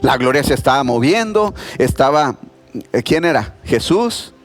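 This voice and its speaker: A man, preaching a sermon in a church in a conversational, animated storytelling way. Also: medium pitch, measured pace, soft background music. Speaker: pastor.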